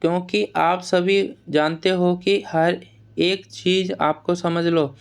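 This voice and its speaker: An exam news vlogger advises job aspirants in an informal, explanatory update, speaking plainly and in an admonishing way while often repeating words and phrases. His voice is high, clear, and resonant, and he takes it slowly in a steady tone.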